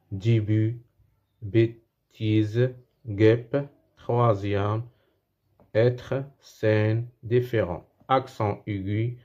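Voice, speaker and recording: A male teacher with a Moroccan accent explaining a French spelling lesson slowly, repeating words and restarting as he goes. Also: lowish voice, a little mellow, lo-fi sound. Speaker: primary school French teacher.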